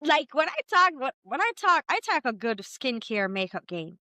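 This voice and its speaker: A woman in her thirties with a Jamaican accent, telling her story as a podcast guest in a lively, chatty way. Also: high voice, moderate pace, dry recording. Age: 30s. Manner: lively, chatty, quotes herself often. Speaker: guest entrepreneur. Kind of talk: candid storytelling interview.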